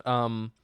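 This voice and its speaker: A man's voice: mid-range voice, no room sound, studio quality. A singer-songwriter man casually breaking down his own songs, rambling and cutting himself off as he plays keyboard and guitar. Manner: rambling, self-interrupting, laughs at himself; stops and restarts to play keyboard and guitar.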